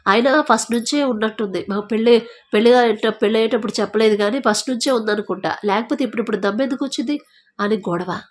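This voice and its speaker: A woman's voice: on the high side, fast talker. A woman giving a personal faith testimony, telling her story with feeling and acting out what others said. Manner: emotional storytelling, acting out quoted speech. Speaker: testimony giver.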